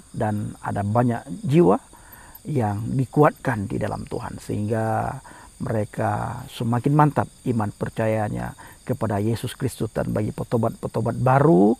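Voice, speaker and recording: A man's voice: medium pitch, creaky, warm tone, husky. A male evangelist preaching to camera with urgent, repeated direct address to his listeners.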